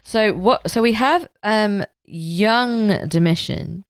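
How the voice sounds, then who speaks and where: A woman's voice: mid-range voice, takes it slowly, no echo. A woman co-hosting a podcast in casual chat, swearing freely and often restarting her sentences. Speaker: podcast co-host.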